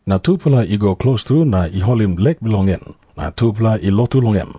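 A man's voice: on the low side, expressive, brisk, warm tone, breathy edge, no echo, clean studio sound. A Papua New Guinean man narrating scripture in Papua New Guinea pidgin, as a scripted dramatized Bible reading. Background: music behind the voice.

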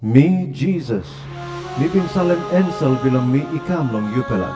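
A man's voice: medium pitch, lively intonation, normal speed, close to an everyday voice. A man with a Papua New Guinean accent playing Jesus as a solemn, authoritative divine lord in a dramatized scripture reading, over music. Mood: solemn proclamation.

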